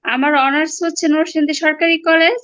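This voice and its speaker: A woman's voice: high-pitched, fairly even intonation, fairly quick, fairly bright tone, no room sound. A woman student from Bangladesh answering her teacher in an online class with short polite replies, heard over a muffled call line.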